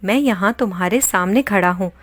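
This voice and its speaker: A woman's voice: medium pitch, no room sound, natural voice. A worried husband pleads with his wife, his words tumbling out in alarm, read out by a woman. The storybook reading is dry and close. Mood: baffled. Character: bewildered husband, a worried young-to-middle-aged man.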